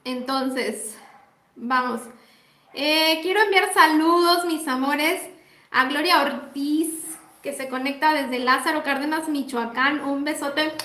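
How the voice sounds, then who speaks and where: A woman's voice: high voice, takes it slowly, sharp tone, roomy sound. A Mexican woman teaching nail techniques on a live stream, chatty and affectionate, greeting viewers by name. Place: indoor home workspace.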